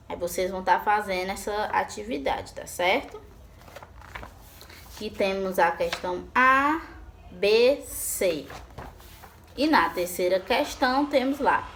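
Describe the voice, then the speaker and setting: A woman's voice: mid-range voice, a bit bright, a little hiss or hum. A woman teaching young children in a remote lesson, asking questions and answering them herself in a patient, sing-song way. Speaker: primary school teacher.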